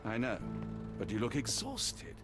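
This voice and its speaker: An actor with a British accent playing a loyal, cautious doctor companion, earnest and easily flustered, his pitch swinging widely, with game music behind. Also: wildly swooping pitch, unhurried. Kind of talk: video game voice acting.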